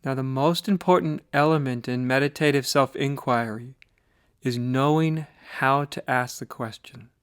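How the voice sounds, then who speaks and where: An American spiritual teacher leads a guided meditation, his medium-pitched, clean-toned voice measured and deliberate, with pauses separating short phrases. The recording is dry with clean studio sound.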